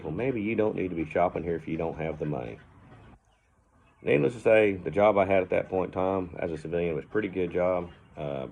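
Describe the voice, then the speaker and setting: A man's voice: sits low, gravelly, warm tone. A man casually telling a story in a blunt, plain-spoken way, cursing freely. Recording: tinny phone-like audio.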